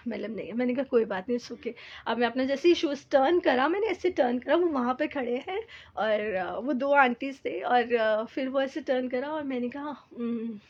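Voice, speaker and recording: A woman telling a heartfelt devotional testimony, speaking earnestly and haltingly, with many fillers and English words mixed in. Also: high voice, lo-fi sound. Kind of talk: personal spiritual testimony.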